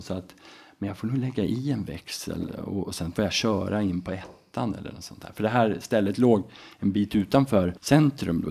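A middle-aged man from Sweden, a podcast guest, telling a story in a relaxed, halting way with frequent tag questions. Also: lowish voice, creaky, slightly rough. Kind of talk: casual storytelling.

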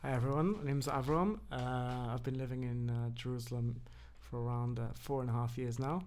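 A man's voice: mid-range voice, steady tone, brisk, darkish tone. A man raised in England, a podcast guest who talks hesitantly with many fillers. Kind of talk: casual conversation.

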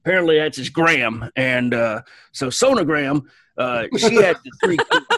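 A man's voice: fairly high pitch, sing-song, moderate pace, a bit bright. A man co-hosting a podcast, playing a boastful, crude Southern space crewman who rambles through a recap, full of fillers and restarts. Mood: rambling. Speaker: podcast co-host. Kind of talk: comic in-character recap.

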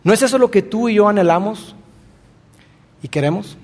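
A man's voice: sits high, expressive, moderate pace, a little mellow, in a large hall. A man preaching a sermon, speaking earnestly and addressing the listener directly with rhetorical questions. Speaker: pastor.

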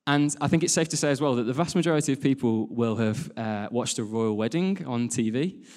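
A British man, speaking as a church worship leader, delivers a chatty, joking sermon to a congregation in a big church hall and engages them with questions. His voice is medium-pitched, a little mellow and lively in intonation, fairly quick, and it echoes through the live hall recording.

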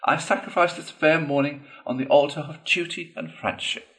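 A man voicing a boastful, excitable male toad gentleman in a storybook reading, gushing and theatrical. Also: normal speed, close to an everyday voice, low-quality recording. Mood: self-pitying. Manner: gushing, theatrical, shrill in outbursts.

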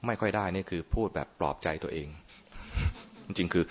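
This low-pitched monk speaks briskly as he playfully teases and quizzes his audience during a casual talk on meditation. The recording is muffled and lo-fi.

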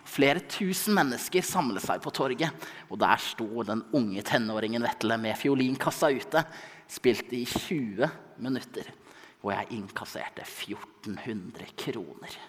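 A young man preaching a sermon at a church service, telling the story dramatically and swinging from loud calls to hushed asides. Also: mid-range voice, animated. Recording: long reverb of a church hall.

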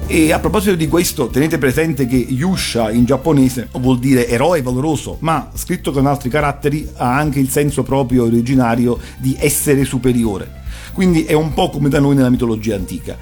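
Erudite man explaining over soft music. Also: mid-range voice, normal speed. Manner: erudite, didactic. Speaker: commentator on Japanese animation. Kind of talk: explanatory talk, analysing cartoons.

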